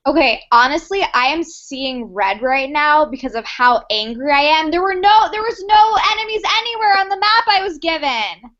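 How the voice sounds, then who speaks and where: A woman's voice: high voice, moderate pace, hardly any pauses, sharp tone, muffled recording. A woman playing an indignant, stubborn army commander, argumentative and exasperated, in an improv comedy sketch. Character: indignant, stubborn army commander who sees only green.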